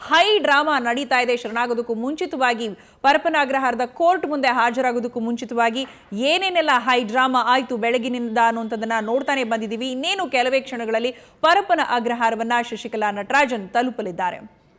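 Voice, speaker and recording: A woman's voice: on the high side, a little fast, a bit bright. A woman news anchor with a Kannada accent giving live breaking-news commentary, repeating updates urgently with frequent fillers.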